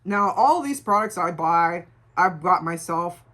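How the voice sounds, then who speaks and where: A middle-aged woman with a gravelly voice, chatting casually through a beauty product review and repeating words for emphasis. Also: lowish voice, expressive, unhurried, a bit bright. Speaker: beauty vlogger.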